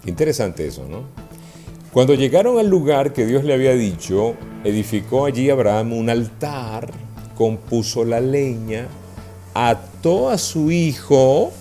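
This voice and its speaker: A man's voice: mid-range voice, a little slow, faint music behind. A man preaching a sermon to a congregation, checking in with them as he goes. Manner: animated, asks the congregation questions.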